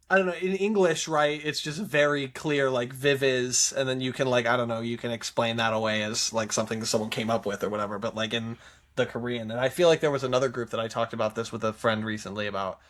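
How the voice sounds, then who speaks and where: A man's voice: mid-range voice, steady tone, brisk, fairly bright tone. A man co-hosting a podcast, chatting casually and rambling through song reviews with lots of fillers. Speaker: podcast co-host. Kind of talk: casual chat reviewing songs.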